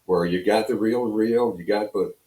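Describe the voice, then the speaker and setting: With a mellow voice on the low side and a moderate pace, an older American man tells rambling stories from his past as an interview guest. He's from Pennsylvania and works as a radio program director and on-air personality; the recording has an echoey, roomy quality.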